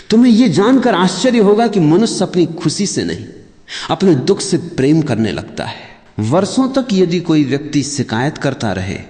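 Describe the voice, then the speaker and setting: A man delivers a scripted spiritual discourse in a measured, contemplative way, speaking directly to the listener. His voice sits a little high but stays mellow, rising and falling in wide, lively swells. A long reverb trails behind every phrase. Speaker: spiritual narrator.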